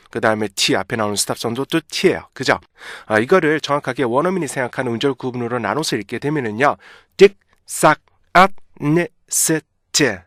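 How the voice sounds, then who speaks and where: A man gives a pronunciation lesson in a medium-pitched voice. He explains patiently, repeats each word slowly and keeps checking that his listeners follow. The recording is very dry and close, with almost no room sound. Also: a bit bright, no echo. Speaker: English pronunciation teacher.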